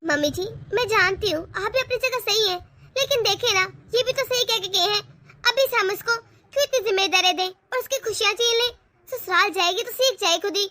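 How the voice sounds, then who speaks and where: A woman voicing a kind, agreeable young wife in an animated family cartoon, speaking soothingly to her family. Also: very high voice, fairly quick. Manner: warmhearted, soothing.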